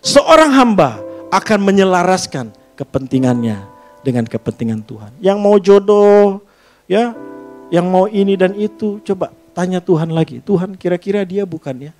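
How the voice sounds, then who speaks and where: A male pastor delivers a sermon in a church, his voice sitting a bit high as he calls out to the congregation for an amen. He mixes plain teaching with joking asides, and a soft musical instrument plays faintly behind him. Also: normal speed, faint music behind. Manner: lively preaching, often asking the congregation for an amen.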